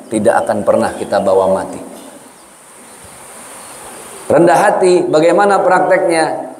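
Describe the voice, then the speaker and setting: A male preacher giving a lively, humorous sermon full of stories. He keeps speaking directly to the congregation in a large hall. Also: fairly low pitch, a little hiss or hum. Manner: humorous, storytelling, often addresses the audience directly. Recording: echoey hall reverb.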